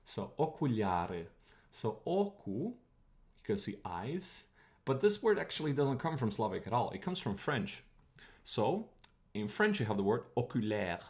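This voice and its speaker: A man's voice: on the low side, gravelly. A man whose first language is Croatian, giving a chatty, digressive live-stream lecture on language history and thinking aloud as he goes. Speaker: streamer teaching linguistics.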